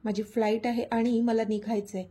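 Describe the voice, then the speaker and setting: A lovestruck, teasing young hero from a romance storybook, read by a woman narrator. His lines come soft, slow and tender. The voice sits fairly high, with a warm, breathy tone. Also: level tone.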